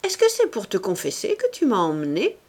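Brief: woman reader playing a mocking young man, teasing, breathy delivery. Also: mid-range voice, a little fast. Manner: teasing and calmly ironic.

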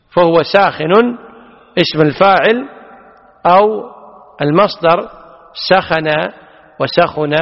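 A man teaching a lesson on a classical text, patiently explaining and putting questions to his students. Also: high-pitched. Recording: dull audio, long hall reverb.

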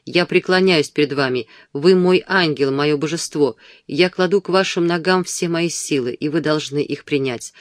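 Man reading a domineering, pleading suitor, audiobook, high-ish voice, dry sound. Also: moderate pace, no room sound, close to an everyday voice. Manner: passionate, insistent pleading. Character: ardent, domineering young gentleman suitor. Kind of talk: audiobook dialogue.

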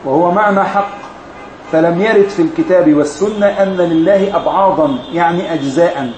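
A man teaches a religious lesson, his voice sitting a little high for a man. He lays out each point with careful, measured explanation. The recording is roomy and echoey, with faint ambient noise underneath. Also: darkish tone. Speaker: sheikh teaching a women's study course.

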